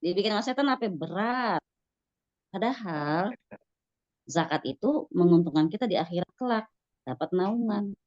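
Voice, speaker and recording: A woman giving a casual religious study talk, lively and acting out quoted voices. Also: medium pitch, moderate pace, pauses often, no echo. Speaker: religious teacher. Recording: dull dry lo-fi recording.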